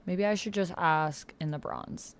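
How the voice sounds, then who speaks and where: Hosting a text-based roleplay online, this woman thinks out loud in a relaxed way and occasionally voices what's typed in the chat. She has a lowish voice and keeps a measured pace, with computer keys clicking clearly behind her.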